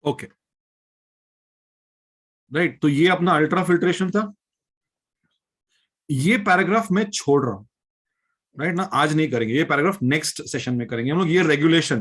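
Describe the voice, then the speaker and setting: A man's voice: fairly high pitch, fairly bright tone. A male biology teacher with an Indian accent, lecturing a live class, mixing Hindi and English and often checking that students follow. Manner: reads textbook lines slowly, then explains them.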